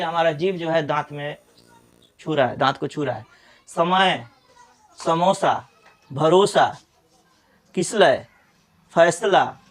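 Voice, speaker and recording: Slow deliberate man teaching pronunciation. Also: fairly high pitch, fairly bright tone. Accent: Bihari Hindi. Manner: slow, deliberate, repeats example words one by one. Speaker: Hindi teacher. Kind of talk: pronunciation lesson.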